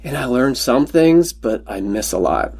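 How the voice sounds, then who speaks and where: A Pennsylvania man whose first language was Pennsylvania Dutch appears as a podcast guest, telling rambling, joking stories about himself with self-deprecating humor. His medium-pitched voice is creaky, darkish and slightly rough, swinging widely in pitch at a somewhat slow pace.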